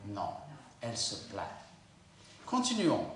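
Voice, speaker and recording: A man from Brazil preaching a sermon in a church, animated and acting out quoted voices. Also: lowish voice, slow. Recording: echoey church hall.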